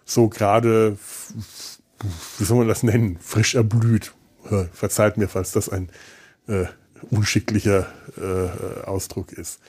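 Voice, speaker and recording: A man's lowish, husky, darkish voice, slow and flat in delivery, carries his solo podcast from an indoor sofa. As host he rambles casually, hesitating and thinking aloud in a wry, self-deprecating manner.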